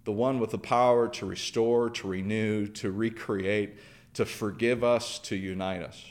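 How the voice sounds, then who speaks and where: A man's voice: fairly low pitch, fairly even intonation, unhurried. A man preaching a sermon, earnest, building through repeated phrases and questions. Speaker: pastor.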